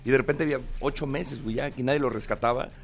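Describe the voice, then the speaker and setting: A man's voice: medium pitch, fast, gravelly, faint music behind. A man with a Mexican accent, a comedian guest telling long jokes on a radio show and acting out the voices in them. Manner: playful, acts out voices in jokes.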